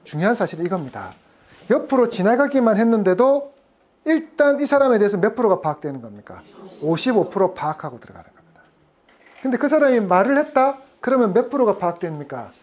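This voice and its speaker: A woman's voice: medium pitch, sing-song, quick pace, darkish tone. A woman lecturing on insurance sales, often putting questions to her audience. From Gyeongsang region. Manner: asks the audience frequent questions. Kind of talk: lively classroom lecture.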